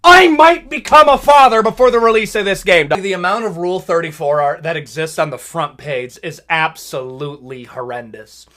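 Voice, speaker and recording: A man's voice: high-pitched, lively intonation, normal speed, hardly any pauses, pushed and bright. A man in his twenties, a YouTuber, chatting casually with crude, rambling jokes. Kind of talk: casual joking vlog chat.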